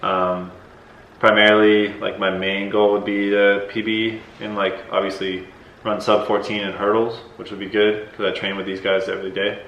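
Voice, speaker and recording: A young decathlete hosting his vlog answers questions loosely, hesitating often and filling gaps with fillers. His lowish voice barely moves in pitch, runs at normal speed, and sounds a bit bright. The recording is muffled, echoey, and carries faint noise.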